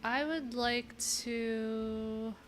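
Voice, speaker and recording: Speaking extremely slowly, in a slightly high voice with fairly even intonation, a woman in her thirties hosts a laid-back coding stream. She's a web developer, playful and thinking aloud in fragments from an indoor room, as guitar music plays.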